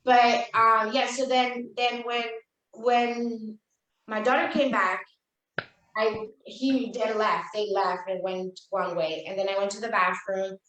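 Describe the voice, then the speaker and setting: A woman's voice: a little high, steady tone, slow, fairly bright tone. A woman co-hosting a podcast, telling a story in casual chat and acting out the quoted lines. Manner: storytelling, acts out quoted dialogue. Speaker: podcast co-host. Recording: echoey, distant from mic.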